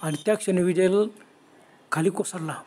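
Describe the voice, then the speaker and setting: A man telling a spooky horror story in casual spoken style, acting out the characters' dialogue with rising, excited voices. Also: moderate pace, breathy edge. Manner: lively, acts out dialogue with raised pitch.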